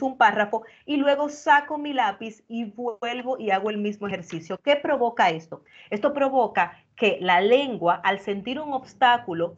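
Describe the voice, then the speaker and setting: This is a woman with a medium-pitched voice, coaching a participant during a live online speech workshop. Her feedback is direct and explanatory, aimed right at the listener and meant to reassure. The video-call audio comes across dull.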